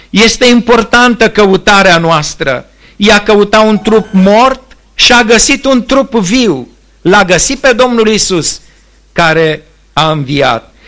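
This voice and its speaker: A man preaching a sermon, earnest and expressive, building his phrases toward emphasis. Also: sits high.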